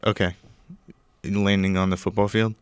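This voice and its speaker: A man's voice: low voice, little pitch movement, moderate pace, clean tone, no echo. A young man hosting a casual podcast, joking and rambling, often trailing off into mumbles. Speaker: podcast host.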